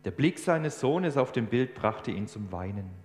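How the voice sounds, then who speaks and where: A man preaching a sermon, telling a story with animated emphasis. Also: mid-range voice, measured pace. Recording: echoey church hall, faint hum.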